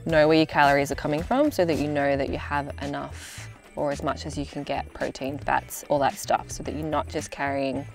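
A young Australian woman talking casually to the camera outdoors, relaxed and chatty with frequent ums. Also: sits low, fairly quick, creaky, few pauses, faint music behind. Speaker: hiker presenting gear video. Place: outdoors in open bushland.

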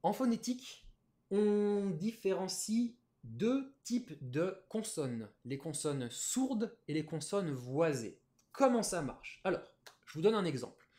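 A man's voice: sits high, big pitch swings, slow pace, darkish tone. A man teaching a Japanese lesson on a live stream, explaining patiently with many fillers.

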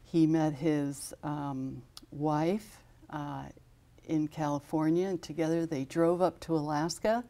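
A woman's voice: sits low, steady tone, slow, warm tone. A woman in her fifties with an American accent, a studio interview guest who speaks steadily and informatively, with frequent fillers. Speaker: guest from an aviation safety foundation. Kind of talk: studio interview, listing honorees. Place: television studio.

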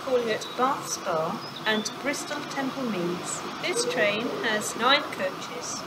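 A woman's prerecorded announcement voice, with spliced-together words in measured, evenly clipped phrasing, heard over station loudspeakers on a railway platform. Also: a little high, lively intonation, echoey room, very noisy. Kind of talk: automated public address announcements. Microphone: heard through station loudspeakers. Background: station ambience.

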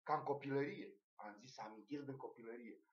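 A man doing a crude stand-up comedy monologue, telling vulgar stories in a rambling way. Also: medium pitch. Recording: echoey room, dull lo-fi sound.

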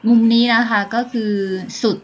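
Chatting politely with lots of filler sounds, a woman narrates her hike outdoors as a travel vlog, holding her phone camera at arm's length on a mountain trail. She speaks at normal speed in a darkish tone, and the recording loses its highs.

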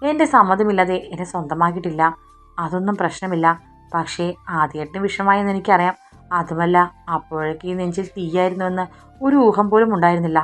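A woman's voice: on the low side, fairly quick, faint music behind, lightly acted. Woman voicing an emotional young wife. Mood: pleading. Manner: pleading and soft.

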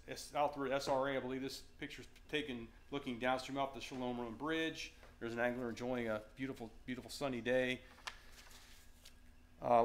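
A middle-aged man with a Virginian accent gives an unscripted slide talk as a fisheries manager, with many fillers and restarts. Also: medium pitch. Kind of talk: slide presentation lecture. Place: darkened meeting room with audience.

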